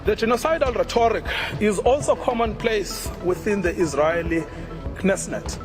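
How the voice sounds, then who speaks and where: A man presenting a formal legal argument in court, solemn and measured. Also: high-pitched. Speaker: lawyer addressing a court. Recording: music bed under the voice.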